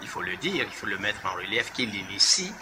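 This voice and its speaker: A middle-aged man with a fairly low voice talks easily and loosely, pausing with small fillers as he thinks. He grew up in Togo. The recording carries a clear hiss of background noise behind him. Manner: relaxed, conversational, with hesitations. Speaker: author and university lecturer. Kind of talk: recorded interview.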